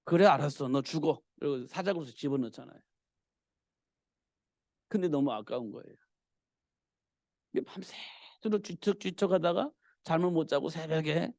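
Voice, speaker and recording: Lively high-voiced male pastor preaching. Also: gravelly, no room sound, clean studio sound. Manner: animated storytelling, acting out the king's cries. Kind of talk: sermon. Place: church.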